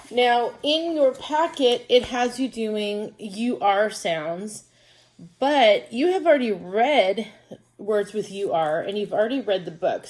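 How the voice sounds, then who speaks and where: A woman's voice: medium pitch, a little mellow. A woman teacher giving a reading lesson to first graders, patiently sounding out words and syllables. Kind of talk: reading lesson for young children.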